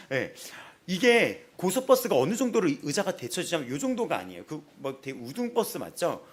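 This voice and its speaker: A male pastor delivering a sermon in a church, telling stories with lots of laughter. His voice sits fairly high and moves up and down a great deal. It has a husky, slightly breathy edge. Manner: lively storytelling, laughs often. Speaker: senior pastor. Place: church sanctuary.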